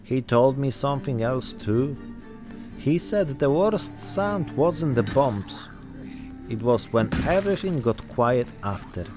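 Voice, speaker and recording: A man voicing a weary immigrant zombie-apocalypse survivor, telling his story in short, deadpan, reflective phrases. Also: mid-range voice, slow, music in the background. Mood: somber, reflective. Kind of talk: narrated in-character role-play monologue.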